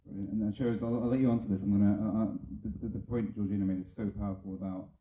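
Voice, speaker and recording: A man's voice: fairly low pitch, steady tone, very fast, dull audio, a little hiss or hum. A man moderating an audience Q&A after a screening, upbeat and given to joking asides. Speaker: panel moderator. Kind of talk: hosting an audience Q&A. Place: screening venue. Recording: echoey room.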